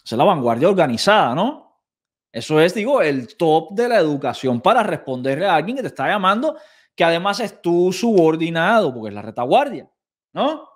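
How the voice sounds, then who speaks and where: A man's voice: fairly high pitch, sing-song, a little fast. A man commenting on played clips, sarcastic and indignant, mockingly repeating quoted phrases. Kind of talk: video commentary.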